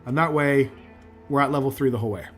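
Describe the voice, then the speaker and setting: A man streams a factory-building game, his voice going hoarse as he clears his throat. Medium-pitched and fast, he talks himself through each building step, counts aloud, questions himself, and answers chat messages, with soft music in the background.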